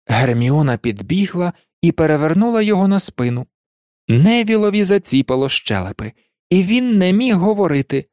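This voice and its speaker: An animated audiobook narrator tells a fantasy story with a lively, swinging pitch. The voice sits in a middle register. The recording is close and dry, with no room sound. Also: dry recording. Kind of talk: scripted narration.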